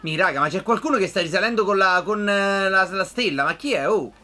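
A young man, a gaming YouTuber bantering with friends and shouting in frustration at the race. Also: high-pitched, a little fast, faint music behind.

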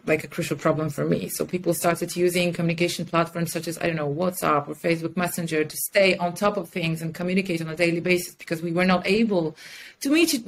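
On a video call from an indoor room with curtains and plants, a woman with a lowish voice speaks enthusiastically and conversationally as an interview guest. She is a podcast guest, communications head and mentor, and the rough recording carries slight background noise.

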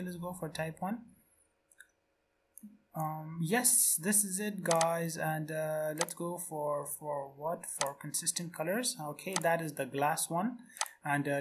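A man narrating a screen-recorded software tutorial in quick, repetitive step-by-step phrases. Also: a little high. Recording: noisy home recording.

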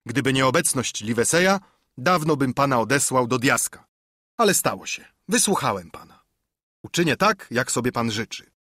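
Brief: pompous older squire in a huffy temper, raised and lively pitch, slightly husky, a male reader puts him on. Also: moderate pace, no echo, studio quality. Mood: indignant.

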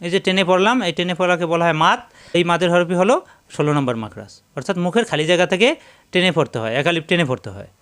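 Male Quran teacher, Bangladeshi accent, high clear voice, patient drilling of syllables. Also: a bit bright. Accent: Bangladeshi Bengali. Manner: slow, repeats syllables for drilling. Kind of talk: step-by-step recitation lesson.

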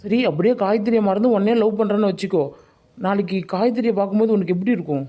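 A woman voicing a level-headed young village man in an animated cartoon, talking earnestly and persuasively. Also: medium pitch, fast, faint music behind, lightly acted.

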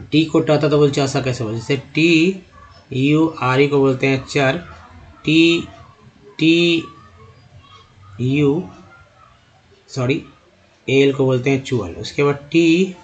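A man teaching English pronunciation, spelling out words letter by letter and asking and answering his own questions. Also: mid-range voice. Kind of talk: spoken English lesson.

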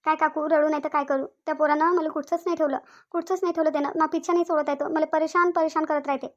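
A woman's voice: high-pitched, steady tone, very fast, highs cut off, close to an everyday voice. A woman voicing a hurt young bride-to-be in a cartoon, pleading and distressed, with a Vidarbha Marathi accent. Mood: upset.

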